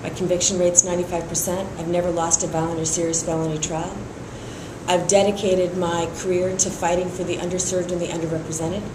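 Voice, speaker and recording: In this endorsement interview, the district attorney candidate, a middle-aged woman originally from Iran and raised in San Francisco, speaks steadily and often uses fillers. Her fairly low voice keeps a level tone and moves a little fast. The sound is roomy, and the background is noisy.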